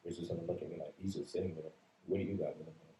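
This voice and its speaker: Podcast host, male, deep and mellow, calm matter-of-fact talker, echoey room. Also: very fast. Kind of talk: casual podcast chat. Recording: roomy echo with faint room noise.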